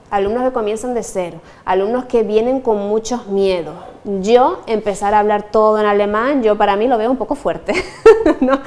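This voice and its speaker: A woman's voice: on the high side, darkish tone. A young adult woman teacher, explaining her views in an interview and laughing often. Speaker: German teacher.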